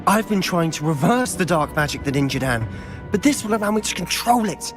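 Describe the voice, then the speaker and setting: A man's voice: high-pitched, sing-song, a little fast. A man playing an obsessive, defiant teenage boy wizard in a dramatic video game scene. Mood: fervent. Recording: music behind. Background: game music.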